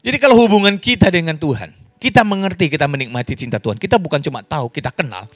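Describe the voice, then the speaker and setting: A man preaching a lively sermon as pastor, in an online church service, joking and laughing with the congregation. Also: fast, no echo, faint music behind. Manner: animated, wide pitch swings, jokes and laughs.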